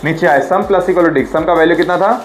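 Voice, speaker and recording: सवाल दोहराता हुआ हिंदी-अंग्रेज़ी शिक्षक. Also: male voice, a little high, quick pace, soft background music, poor audio. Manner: quizzing, repeats questions, drills pronunciation. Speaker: teacher. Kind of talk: classroom lecture.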